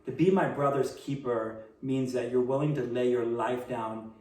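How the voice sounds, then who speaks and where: A man's voice: medium pitch, fairly even intonation, a little mellow, distant mic. Earnest man speaking in an echoey room. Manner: earnest, quickens when making a point. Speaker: podcast guest, youth ministry director. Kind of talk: casual interview chat.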